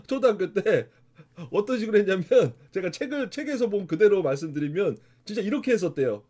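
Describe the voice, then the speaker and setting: Animated Korean man giving a motivational talk. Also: sits high, a little fast. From South Korea. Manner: animated, emphatic storytelling with laughs. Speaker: motivational speaker. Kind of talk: motivational lecture.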